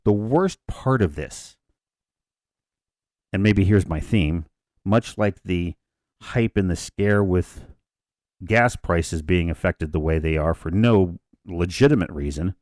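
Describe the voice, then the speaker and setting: A man's voice: low-pitched, takes it slowly, a little mellow, no echo. A man. He co-hosts a casual podcast chat, rambling through asides and restarted sentences. The recording is close and dry. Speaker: podcast co-host. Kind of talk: casual discussion.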